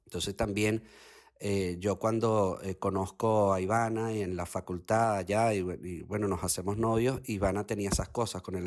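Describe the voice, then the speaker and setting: A middle-aged man from Venezuela with a Venezuelan accent, a podcast guest telling his story in a halting way, with many restarts. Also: fairly low pitch. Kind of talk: conversational storytelling.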